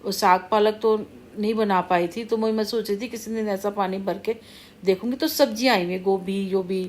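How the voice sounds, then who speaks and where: A woman's voice: medium pitch, steady tone, moderate pace, a little mellow, a little hiss or hum. A middle-aged woman talking casually to her viewers, rambling and repeating her warnings in a scolding way. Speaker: vlogger. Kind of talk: casual monologue to camera.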